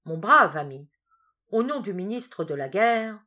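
A woman's voice: medium pitch, big pitch swings, moderate pace, voice pushed up. A woman doing a kindly paternal army doctor. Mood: coaxing. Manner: warm, coaxing.

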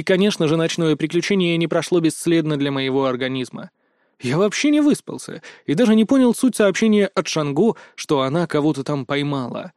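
High-voiced male audiobook narrator, dry sound. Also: darkish tone, no room sound. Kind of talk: first-person audiobook narration.

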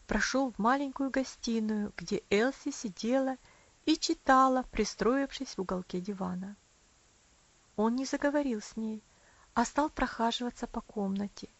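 A woman narrating an audiobook in a measured, expressive reading. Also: on the high side, no room sound. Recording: dry, slightly dull recording.

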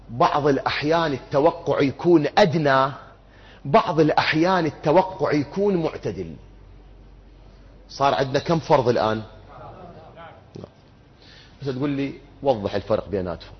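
A man's voice: medium pitch, moderate pace, pauses often, husky. A man giving an interactive religious lecture, putting questions to his audience and answering them himself. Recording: muffled lo-fi recording.

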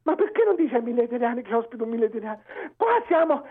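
A man calling in to a radio show, shouting and ranting with his voice breaking. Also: very high-pitched, expressive, rapid-fire. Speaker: caller. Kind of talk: angry call-in rant. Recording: tinny phone line.

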